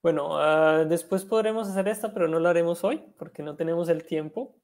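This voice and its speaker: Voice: medium pitch, a little fast, a little mellow. A French teacher giving an online language lesson over a video call, spelling words letter by letter and switching between Spanish explanations and French examples.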